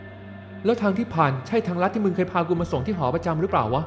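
A man's voice: sits high, lively intonation, fast, faint music behind, pitched above the performer's own voice. A man voicing a young man who is woken by a friend's call at night and questions him in blunt slang. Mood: puzzled. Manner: groggy then questioning, blunt slangy speech.

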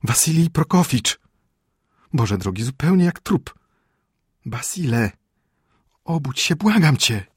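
A man reading an audiobook, voicing a panicky, scolding wife in a high, strained voice. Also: sing-song, moderate pace, a little mellow, husky, no room sound, studio quality. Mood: frantic. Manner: frantic, reproachful. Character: panicky shrill middle-aged wife, prim and scolding. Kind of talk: audiobook character voice.

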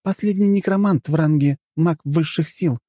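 A man's voice: a little high, moderate pace, warm tone, no echo, voice pushed up, close to an everyday voice. A man voicing an outspoken, impatient young princess in an audiobook. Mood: excited. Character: fiery young female princess.

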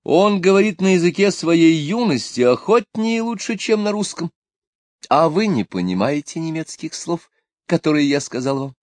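Man voicing a calm, ironic scholar. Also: fairly high pitch, moderate pace, no echo, clean studio sound, pitched above the performer's own voice. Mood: steady. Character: calm, mocking male scholar traveller, firm.

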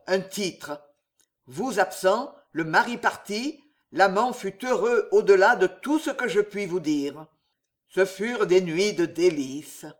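A man's voice: sits high, fairly bright tone. A man voicing a scheming young nobleman who mocks his elder brother with false deference, in a storybook reading. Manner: mocking, hissing, falsely deferential.

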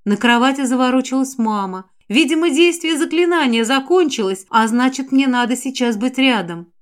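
A woman's voice: high voice, moderate pace. A woman reads a first-person novel aloud as an audiobook narrator. Her voice sits a little above average for a woman. She reads expressively and raises her tone for the heroine's dialogue. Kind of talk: first-person fiction reading.

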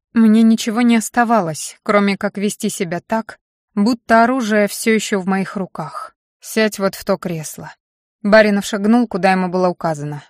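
A woman reads a first-person audiobook with lively, expressive emphasis. Her voice sits at an ordinary middle pitch for a woman. The recording is dry and close, with no room echo. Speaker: audiobook narrator.

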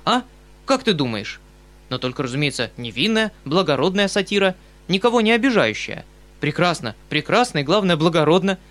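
Мужчина читает за пожилого добродушного отставного полковника, который восклицает и суетится. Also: male voice, fairly high pitch, big pitch swings, a little fast, a bit bright, pitched above the performer's own voice. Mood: excited. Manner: exclaiming, fussy, eager. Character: excitable good-natured retired male colonel, older.

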